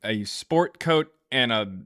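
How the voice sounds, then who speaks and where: A man's voice: mid-range voice, lively intonation, slow pace, a bit bright. A man hosting a live stream, chatting casually and arguing bluntly, often laughing. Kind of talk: casual debate chat.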